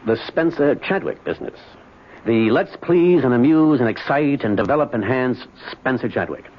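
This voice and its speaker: In an old-time radio drama, a male actor plays a weary, evasive middle-aged businessman who speaks hesitantly and pleadingly, sounding weary yet resolute. His medium-pitched voice is expressive, moderately paced, and close to everyday speech. The vintage recording is muffled and noisy.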